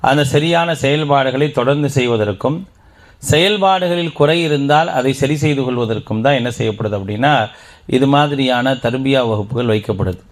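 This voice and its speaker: Male preacher, Tamil Nadu accent, mid-range voice, instructional talk to members, keeps quizzing the crowd. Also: medium pitch. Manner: interactive, quizzes the audience with questions. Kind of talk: Islamic teaching talk to members. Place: outdoor garden gathering.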